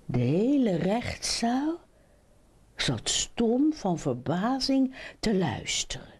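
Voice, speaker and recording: A woman reading children's stories aloud in an expressive, animated storytelling manner. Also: a little high, slow pace, slightly rough.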